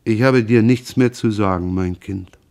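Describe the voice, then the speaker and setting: Broken mother in quiet despair, read by a man, low and hushed, halting delivery. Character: grief-stricken mother confessing, broken, desperate.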